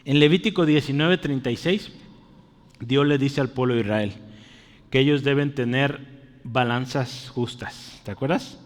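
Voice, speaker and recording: A man's voice: medium pitch, a little slow, big-room sound. A man preaching a sermon earnestly, calling his listeners brother and asking them questions. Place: church.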